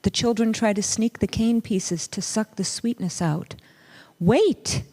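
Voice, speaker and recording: A woman reading a picture book aloud in a deliberate, pausing way, acting out short bits of dialogue and saying Spanish words a little haltingly. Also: medium pitch, a little mellow, rough recording. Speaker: reader of a children's story at a church service. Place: church service, reading aloud to a gathering.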